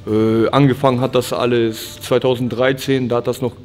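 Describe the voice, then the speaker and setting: A man in his twenties, an MMA fighter, talks casually in an interview at an indoor training gym, with music in the background. His voice is medium-pitched and moderately paced, relaxed, and full of fillers and restarts.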